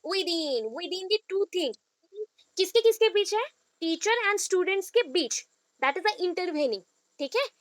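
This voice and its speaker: A woman teacher from India lectures in a high, bright voice. She switches between Hindi and English and keeps asking her listeners questions. The recording is close and dry. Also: lively intonation, very slow, no room sound. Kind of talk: explanatory classroom lecture.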